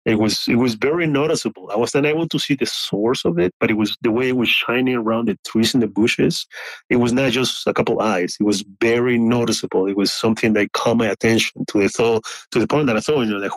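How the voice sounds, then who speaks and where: A man in his forties telling a personal story as a podcast guest, in a halting way with many restarts. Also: on the low side, dry recording, low-quality recording. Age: 40s. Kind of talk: casual storytelling.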